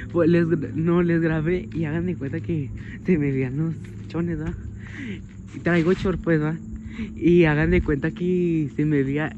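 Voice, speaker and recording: Male comic as a sentimental, vain young woman; bashful comedy vlog character, recorded on a street with loud ambient noise. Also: fairly high pitch, natural voice. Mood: giddy. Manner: gushing, self-admiring, keeps saying how embarrassed she is. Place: outdoors on a street by a shop. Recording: dull lo-fi with loud outdoor noise.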